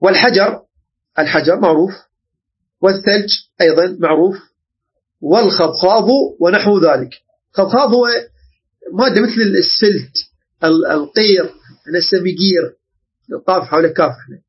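An Iraqi man with an Iraqi Arabic accent teaches a religious jurisprudence lesson, explaining and frequently pausing to make sure listeners follow. His voice is high with a breathy edge, and the sound is lo-fi.

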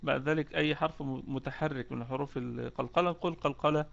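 A man's voice: medium pitch, fairly even intonation, quick pace, gravelly, highs cut off. A man with an Egyptian accent teaching Quran recitation rules in an online lesson, explaining step by step and repeating key words.

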